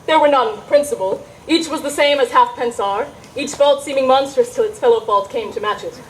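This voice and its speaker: A woman's voice: sits high, brisk, a little hiss or hum, lightly acted, low-quality recording. A woman playing a witty, teasing young woman disguised as a saucy youth, in theatrical, hammy Shakespearean stage comedy style. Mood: mocking, teasing.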